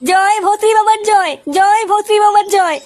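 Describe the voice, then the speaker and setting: A woman's voice: extremely high pitch, fairly quick, a bit bright. A woman voicing a young village wife who pleads plaintively. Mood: pleading.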